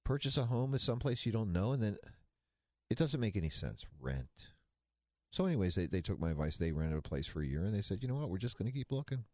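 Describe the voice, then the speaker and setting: Very low-voiced folksy man in his sixties. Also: very animated, fast, darkish tone, no room sound, studio quality. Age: 60s. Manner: chatty, folksy, rambling with asides. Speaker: financial radio show co-host. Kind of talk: casual talk radio chat.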